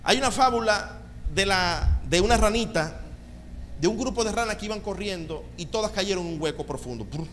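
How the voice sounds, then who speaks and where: A male pastor preaching a sermon with animated delivery and calls of amen, recorded in a church sanctuary. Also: high voice, brisk, slight background noise. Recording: reverberant hall with faint ambience.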